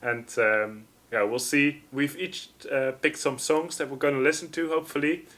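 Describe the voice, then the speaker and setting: A man's voice: a little high, fairly even intonation, moderate pace, fairly bright tone. A man hosting a live music stream, chatting loosely and reading out viewer comments. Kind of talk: casual livestream chat.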